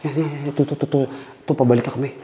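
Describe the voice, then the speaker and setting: A man's voice: medium pitch, steady tone, racing. Jittery cursing man in echoey halls. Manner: jittery, swears constantly, repeats words, drops to a hush. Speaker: vlogger exploring an abandoned hospital. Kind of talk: nervous exploration commentary. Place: empty hospital corridors indoors. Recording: echoey hall reverb, faint noise.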